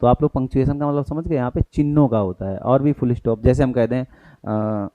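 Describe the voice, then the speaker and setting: A man's voice: mid-range voice, a little fast, no echo, narrow, tinny audio. A man with an Indian accent teaching an exam-prep grammar lesson, explaining in Hindi with English terms and asking and answering his own questions.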